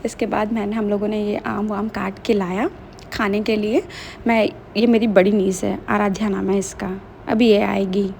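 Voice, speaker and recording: A woman's voice: mid-range voice, little pitch movement, normal speed, creaky, a little mellow, a little hiss or hum. A young woman chatting casually in a vlog voice-over, slipping English phrases into her talk. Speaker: vlogger.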